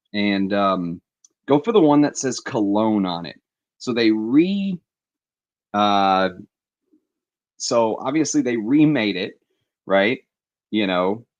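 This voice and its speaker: Chatty low-voiced man on a headset. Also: dull audio. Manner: chatty and enthusiastic, reads viewer comments aloud. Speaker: fragrance livestream host. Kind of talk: casual livestream chat.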